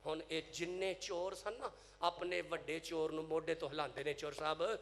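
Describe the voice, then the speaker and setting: A Punjabi-accented man preaches with a high, bright, gravelly voice. He tells his story dramatically, from hushed lines to shouted peaks. A faint hum sits under the live recording. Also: fairly even intonation, moderate pace. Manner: dramatic, shifts from hushed telling to loud shouted climaxes. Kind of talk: Punjabi religious sermon with storytelling.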